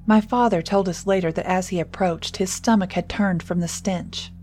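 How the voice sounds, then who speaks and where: A woman narrating a scripted horror story in first person, measured and suspenseful. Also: lowish voice, steady tone, darkish tone, slight background noise.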